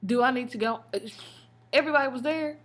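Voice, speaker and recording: An American woman telling stories in a casual, slangy vlog style, expressive and full of emphatic asides. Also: high voice, fast. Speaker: vlogger. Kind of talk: casual chatty storytelling vlog.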